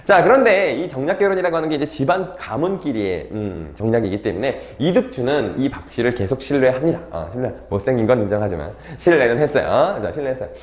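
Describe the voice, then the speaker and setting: A man's voice: medium pitch, quick pace, hardly any pauses, echoey room. A man teaching literature in a casual, joking storytelling way, acting out the characters' lines as he retells the tale. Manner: animated, jokey, acts out characters' lines. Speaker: Korean literature tutor.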